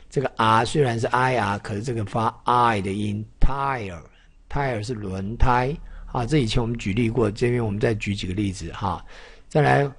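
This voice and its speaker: A man teaches English phonics at a very unhurried pace. He spells out each word letter by letter and says it again and again. His voice is mid-pitched and a little husky. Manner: slow, repeats words many times, spells out letters. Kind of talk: classroom-style phonics lesson.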